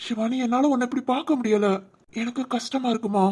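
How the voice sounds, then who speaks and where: A gentle young husband from a cartoon family drama. He speaks softly and reassuringly, in a voice pitched somewhat high for a man. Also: fairly quick, breathy edge. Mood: soothing. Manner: soothing, reassuring, tender. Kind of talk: animated cartoon voice acting.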